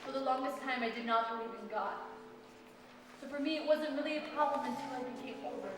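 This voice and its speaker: A woman's voice: high-pitched, fast talker, background noise, close to an everyday voice. A woman playing a survivor who was hidden as a child, firm and emphatic, repeating her points on a stage. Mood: bitter. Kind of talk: stage testimony monologue. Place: school stage. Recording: echoey hall, mic far off.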